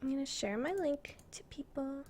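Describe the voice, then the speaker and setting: A high-pitched, somewhat mellow voice with lively intonation moves at normal speed against slight background noise. It belongs to an American live streamer and game map maker who, seated at her apartment computer, chats casually with viewers in a self-conscious, giggly ramble.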